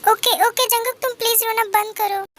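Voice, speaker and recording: A woman's voice: extremely high pitch, steady tone, a little fast, fairly bright tone. A woman voicing a stubborn, playful young woman who coaxes and pleads. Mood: soothing. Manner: coaxing, pleading.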